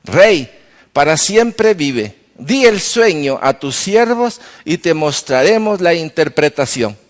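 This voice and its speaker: A man's voice: on the high side, very animated, takes it slowly. A man voicing nervous court magicians who plead with and argue against their king, in a sermon. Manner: pleading, defensive. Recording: reverberant church hall.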